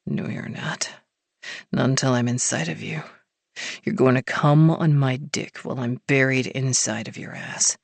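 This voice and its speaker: A woman narrator voicing an intense, commanding young man in a low, husky, half-whispered murmur with gritted-out commands. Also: a little slow, no room sound, exaggerated voice.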